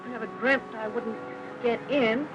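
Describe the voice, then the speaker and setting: An actress playing a fussy, chattering older aunt who rambles and pries in a 1950s film. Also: female voice, on the high side, steady tone, normal speed, dull audio, noisy background, close to an everyday voice. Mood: puzzled polite. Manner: rambling, prying, fussing talk.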